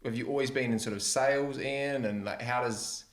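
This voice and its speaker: A man's voice: medium pitch, steady tone, moderate pace. A man interviewing in an informal, chatty way with loosely phrased questions. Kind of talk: casual chat. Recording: roomy echo.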